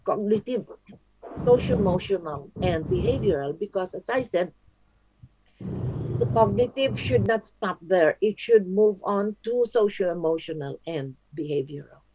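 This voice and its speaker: An older woman giving a webinar lecture with slow, deliberate phrasing and frequent pauses, her voice worn and hoarse. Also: medium pitch, a little mellow, dry recording. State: losing her voice, coughing. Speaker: webinar speaker on curriculum. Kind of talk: online lecture and Q&A. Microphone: video call.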